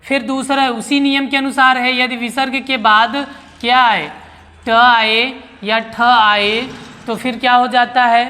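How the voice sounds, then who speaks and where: Woman grammar teacher, unhurried, quizzes pupils then answers, long reverberant room. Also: fairly high pitch, sharp tone. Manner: poses rhetorical questions to pupils, then answers them; repeats key words slowly and deliberately. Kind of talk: classroom-style grammar lesson.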